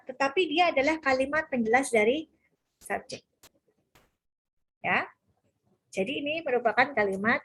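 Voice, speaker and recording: Patiently teaching sentence grammar, this woman keeps repeating the key terms and asks "ya?" frequently to make sure students follow. Her voice sits high and sounds a bit bright.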